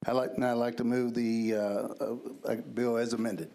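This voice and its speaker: A man on the city council explaining his bill off the cuff, halting and full of restarts. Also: mid-range voice, flat delivery, vocal fry, background noise. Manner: halting, many fillers and restarts. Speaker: council member sponsoring a bill. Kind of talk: unscripted council remarks.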